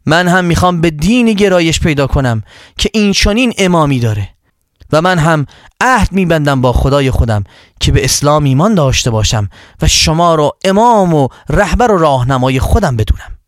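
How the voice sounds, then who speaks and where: A man's voice: fairly high pitch, animated, dry recording, clean studio sound, lightly acted. Earnest young wife, raised voice, heartfelt, as the narrator does her.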